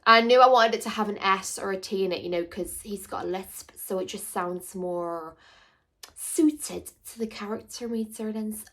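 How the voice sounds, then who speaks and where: A woman's voice: mid-range voice, normal speed, hardly any pauses, sharp tone. Chatty young woman vlogging. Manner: chatty, rambling, jokey. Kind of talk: casual Q&A chat to camera.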